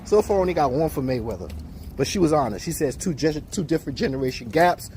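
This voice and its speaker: A man with a slightly high, expressive, somewhat mellow voice talks fast over light background noise. He films casual vox pop interviews on a handheld phone, chatting in street slang on city streets and in a car.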